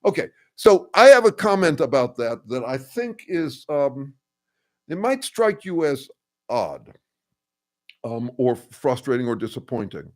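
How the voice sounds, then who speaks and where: With a sing-song lilt, an older livestream host muses aloud as he replies to his audience's comments. He says his voice is a bass, and he pauses and restarts often, leaning on plenty of ums and uhs as he thinks it through.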